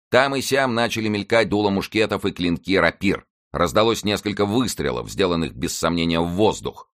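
Very deep-voiced male narrator. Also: no echo, studio quality. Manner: expressive, dramatic reading. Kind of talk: audiobook narration of a historical novel.

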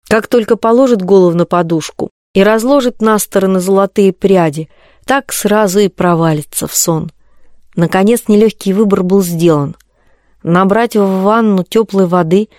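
This is an unhurried audiobook reading of literary prose, with an even delivery that eases down further whenever verse comes up. The voice sits at a middling pitch. It is recorded dry and close, with no reverb at all. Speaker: audiobook narrator.

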